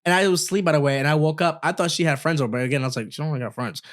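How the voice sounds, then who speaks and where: A man in his twenties telling stories in a casual podcast chat, animated and full of swearing, acting out what other people said. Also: on the high side, racing. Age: 20s. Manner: animated, swears a lot, acts out quoted voices. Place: recording studio.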